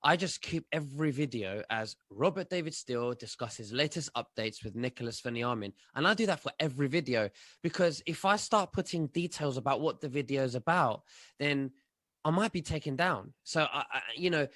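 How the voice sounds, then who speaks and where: A man, answering interview questions in a halting way, full of fillers and restarts, over a remote call. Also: mid-range voice, expressive, a bit bright, no echo. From London, England. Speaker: guest, online commentator.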